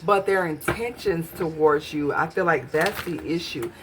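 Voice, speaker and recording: A woman with a low voice speaks at a measured pace over a noisy background. She's giving a casual tarot reading, musing aloud to herself and questioning each card as she draws it.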